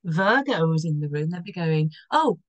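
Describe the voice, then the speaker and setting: A woman with a croaky voice explaining an astrology chart, rambling a little and correcting herself as she goes. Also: sits low, lively intonation, moderate pace, dry recording, rough recording. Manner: rambling, loses her thread and corrects herself.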